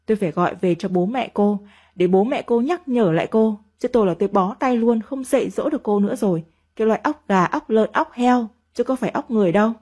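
A woman voicing a bitter elderly mother-in-law who scolds her daughter-in-law in shrill, nagging tirades. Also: lively intonation, fairly quick, a little mellow, lightly acted. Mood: scolding.

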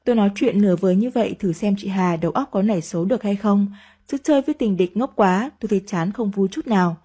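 A woman's voice: mid-range voice, quick pace, dark tone, husky. A woman narrating a first-person family story with chatty, gossipy asides.

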